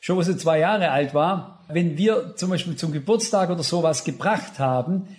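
An older man preaching a sermon, lively, often turning to his listeners with questions. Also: a little high, moderate pace.

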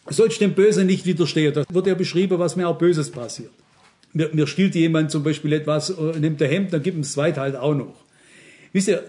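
Emphatic male preacher, high-pitched, addresses the congregation directly. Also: darkish tone. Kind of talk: sermon.

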